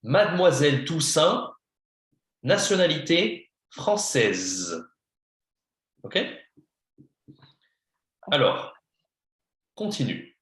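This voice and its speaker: A man's voice: fairly high pitch, very animated, drawn-out words, pauses often, a bit bright, roomy sound. A man teaching a beginner French lesson, patient, spelling words out letter by letter and slipping into English to explain. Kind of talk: one-on-one beginner lesson, slow and repetitive.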